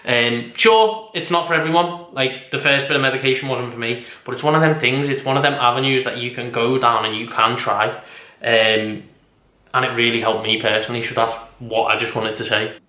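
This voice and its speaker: With a bright, forceful, medium-pitched voice and a slightly fast pace, a young man talks at length in his personal vlog. He's casual and self-deprecating, rambling through tangents from indoors at home, where the room echoes.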